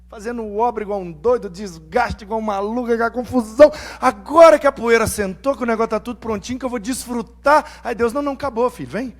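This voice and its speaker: Middle-aged man, pastor, very high voice; lively sermon storyteller who plays every character in his anecdotes. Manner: animated, acts out quoted dialogue in voices; humorous, self-mocking.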